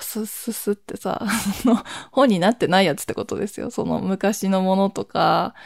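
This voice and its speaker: A woman in her forties hosts her own podcast from home at night, chatting casually and on her own in a rambling way, laughing at herself and keeping her voice low. Her mid-range voice is gravelly with a darkish tone, recorded in clean studio sound with no echo.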